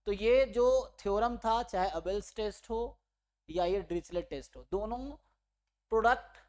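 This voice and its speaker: A man's voice: sits high, normal speed, darkish tone. A man teaching a maths lecture for exam preparation, explaining step by step and checking in with his students. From India. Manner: explains step by step, mixing English terms and checking in with listeners. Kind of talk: online exam-prep lecture.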